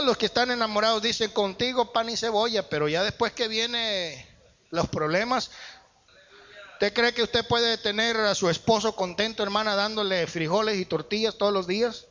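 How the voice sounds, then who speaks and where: Preaching in a church hall, this man has a very high, somewhat bright voice that climbs in emphatic surges. The hall's echo comes through muffled on the recording.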